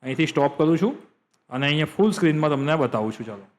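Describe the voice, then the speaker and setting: Hosting a software tutorial, a man with a Gujarati accent and a fairly high voice walks through what's on screen step by step. He talks rapid-fire with lively intonation, repeating phrases to drive each point home.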